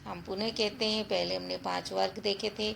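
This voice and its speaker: A woman teacher giving a slow, deliberate grammar lesson and addressing her viewers as friends. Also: mid-range voice, flat delivery, creaky, noisy background. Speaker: Hindi teacher.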